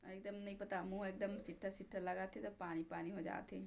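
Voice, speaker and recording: A young woman with a Chhattisgarhi accent chatting casually to her viewers, her voice hoarse from a sore throat. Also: medium pitch, flat delivery, brisk, slight background noise. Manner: chatty, warm greetings to friends. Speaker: vlogger.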